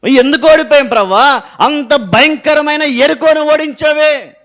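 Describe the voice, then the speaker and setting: A man's voice: very high voice, normal speed, a bit bright. A man voicing a grieving male leader who cries out and pleads with God, firing off desperate questions. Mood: anguished pleading. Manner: crying, pleading, rhetorical questions.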